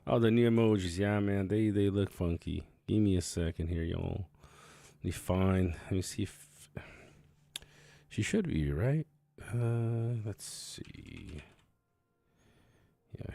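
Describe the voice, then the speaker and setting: Male stream host, gravelly and low, dry close sound, chatty and loose. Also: takes it slowly, pauses often, warm tone, no echo. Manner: chatty, talks to himself while setting up. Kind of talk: casual livestream chat.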